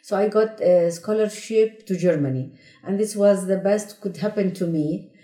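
A woman's voice: mid-range voice, moderate pace, warm tone, roomy sound, faint music behind. A woman physician from Palestine answering interview questions in careful, explanatory English.

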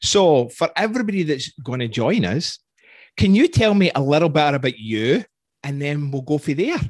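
A man's voice: on the high side, big pitch swings, normal speed, dry recording. A middle-aged man with a Scottish accent, hosting a casual interview. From Scotland. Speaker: interview host.

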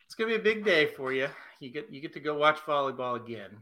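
A man hosting a casual sports talk show. He runs through betting picks in an excitable, joking way and pokes fun at himself. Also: on the high side, fast, a crowd in the background, poor audio. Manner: excitable, joking, self-mocking.

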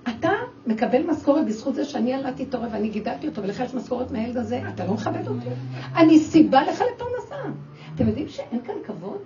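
An older woman giving an emotional religious talk to a group, exclaiming and acting out her own scolding of children. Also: a little high. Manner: animated, exclaiming, acts out quoted scolding. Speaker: speaker addressing a women's audience. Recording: distant, dull lo-fi with faint noise.

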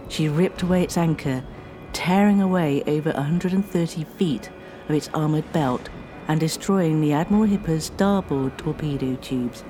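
A woman presenting a radio history show, reading a scripted narration in a measured way that slows down on dramatic lines. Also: low voice, warm tone, slight background noise.

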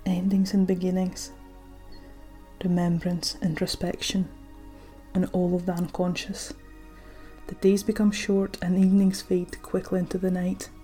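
Mellow woman narrating a soothing sleep story. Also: fairly low pitch, level tone. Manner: gentle, soothing, unhurried delivery with soft breathy phrase endings. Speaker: guided meditation narrator. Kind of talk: sleep-story style guided meditation, scripted narration. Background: music.

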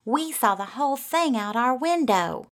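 A woman's voice: fairly high pitch, animated, moderate pace, pitched above the performer's own voice, close to an everyday voice. Woman doing an urgent little mouse villager. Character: worried young female mouse villager.

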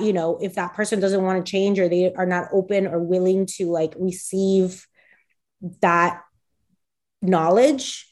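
A woman's voice: mid-range voice, darkish tone. A woman co-hosting a casual podcast, talking in an earnest, reflective way. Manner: earnest, reflective, many fillers. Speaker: podcast co-host. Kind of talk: casual chat.

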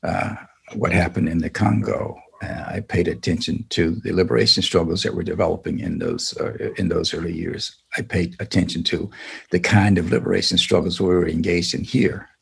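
This civil rights attorney, an older man from the American South, responds to interview questions in a deliberate, earnest manner full of filler words. He speaks low and gravelly, with a husky tone and fairly flat intonation.

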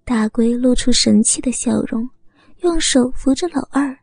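A woman narrating a first-person story in a soft, breathy manner. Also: on the high side, unhurried, no echo, clean studio sound.

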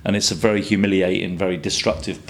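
A man in his fifties with a fairly low voice. He talks as a guest in a loose, casual way, wandering through stories and swearing freely. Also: steady tone, fast. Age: 50s. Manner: rambling storyteller, swears freely. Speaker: guest artist. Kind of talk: casual chat.

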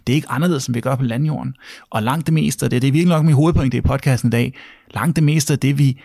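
A man's voice: medium pitch, creaky, warm tone, no echo, studio quality. A man hosting a podcast in a casual discussion, thinking aloud, repeating words and tagging his points with a questioning "right?". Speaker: podcast host.

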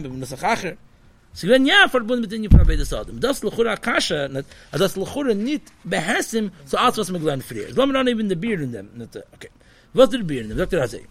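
A man, giving a Talmudic study lesson in an animated, sing-song way with many fillers. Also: sits high. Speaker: Torah teacher.

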